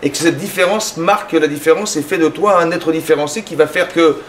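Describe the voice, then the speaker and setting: A man giving a lively sermon as a rabbi, acting out little dialogues in his talk. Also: fairly quick, slight background noise. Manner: animated, acts out dialogues with rising pitch.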